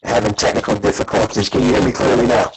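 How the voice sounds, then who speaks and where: A man's voice: lowish voice, fairly even intonation, fast talker, a little hiss or hum, low-quality recording. A man with a robotic, metallic glitching voice, moderating a live call-in show and stumbling over repeated words. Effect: robotic, metallic glitching line.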